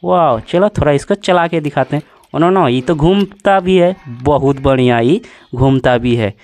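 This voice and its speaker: A man's voice: a little high, moderate pace, darkish tone. A man narrating his toy play for a children's channel, exclaiming often and talking to the toys.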